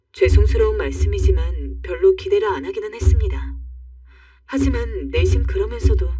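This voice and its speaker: A woman's voice: medium pitch, dark tone, no echo, recorded from a distance. A woman narrating a first-person life story in an emotional, scripted way.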